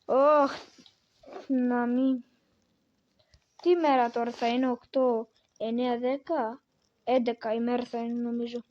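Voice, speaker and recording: A woman's voice: on the high side, flat delivery, pauses often, muffled recording. A woman giving casual gameplay commentary, talking to herself and the game and exclaiming often. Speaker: gamer.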